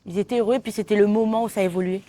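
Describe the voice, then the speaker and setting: A woman's voice: mid-range voice, fairly even intonation, rapid-fire, warm tone. Lisping woman in casual conversation. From La Réunion. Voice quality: lisp, slushy s sounds. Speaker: interview guest, singer. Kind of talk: casual chat.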